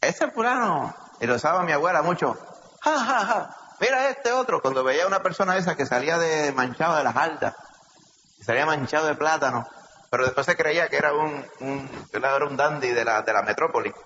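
Forceful Puerto Rican pastor preaching. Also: male voice, fairly high pitch, fast talker, slight background noise. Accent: Puerto Rican Spanish. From Puerto Rico. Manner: animated preaching, rhetorical questions, calls listeners "hermano". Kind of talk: sermon. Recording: echoey hall, slightly dull sound.

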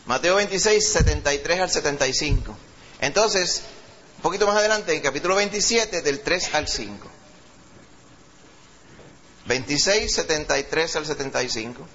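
A male pastor with a Puerto Rican accent who leads a sermon, reads scripture slowly with rising emphasis, and prays fervently, repeating "Señor" and "Padre". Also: on the high side, animated, a bit bright, muffled recording, slight background noise. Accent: Puerto Rican Spanish. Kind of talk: sermon with scripture reading and prayer.

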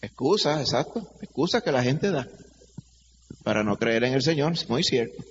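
A man's voice: medium pitch, lively intonation, normal speed. A man preaching an interactive Bible study sermon, often checking in with his listeners for agreement. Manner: checks in with listeners, "verdad?" and "amen". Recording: reverberant hall, dull lo-fi sound, faint noise.

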